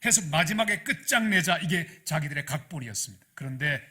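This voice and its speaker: A middle-aged male pastor, preaching a sermon in an animated storytelling manner that rises to loud emphasis. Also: on the high side, brisk, husky.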